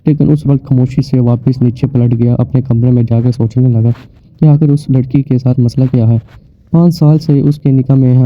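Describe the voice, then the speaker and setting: A man reads a dramatic story aloud at an even, unhurried pace. His voice barely rises or falls. The recording sounds thin and phone-like, with no room echo. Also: medium pitch. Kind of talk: scripted story narration. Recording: tinny phone-like, dry sound.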